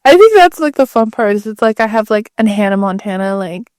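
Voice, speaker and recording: A woman's voice: medium pitch, very animated, fairly quick, darkish tone, dry recording, clean studio sound. A woman co-hosting a podcast in a casual, conversational style. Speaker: podcast co-host.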